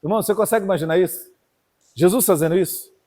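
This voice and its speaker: Fiery high-voiced preacher in echoing church. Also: male voice, fast. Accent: Brazilian Portuguese, São Paulo. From Brazil. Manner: fiery, swings from hushed to loud, keeps calling "irmão". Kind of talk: sermon. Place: church hall. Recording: long church hall reverb.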